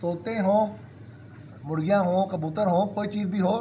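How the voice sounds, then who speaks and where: A man with a sore throat, hosting a bird-keeping channel, calmly explains medicine doses to viewers he calls friends. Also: high-pitched, normal speed, slight background noise. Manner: steady, repetitive explaining, addresses viewers as friends. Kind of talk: casual advice talk to viewers.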